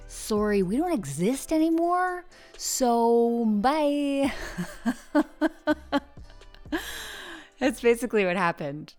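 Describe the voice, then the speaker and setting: A woman hosting a podcast in casual, chatty talk, recorded alone in a huge, high-ceilinged room with lots of echo on a portable travel mic. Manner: chatty and bubbly, jokey asides. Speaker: podcast host. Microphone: portable travel microphone.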